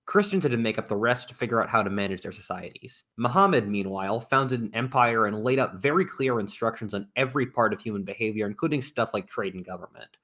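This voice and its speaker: A man narrating a scripted video essay in a measured, opinionated way, played inside another video. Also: lowish voice, expressive, fairly bright tone.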